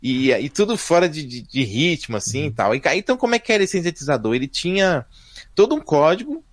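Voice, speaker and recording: A man, telling stories as a podcast guest in a lively, slangy way. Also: on the high side, fairly quick, no room sound. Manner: lively and slangy, voice rising and falling. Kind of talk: casual storytelling chat.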